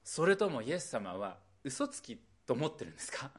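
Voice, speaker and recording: A man preaching a sermon with emphatic, animated delivery and rising questions. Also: brisk, breathy edge. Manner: drops to a soft, low voice in prayer. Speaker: pastor.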